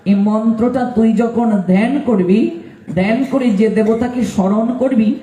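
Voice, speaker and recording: A stern old sage, as a male preacher puts him on hands down grave, slow warnings. The voice sits high yet dark. The room is echoey and the mic is set back. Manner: solemn, commanding, warning.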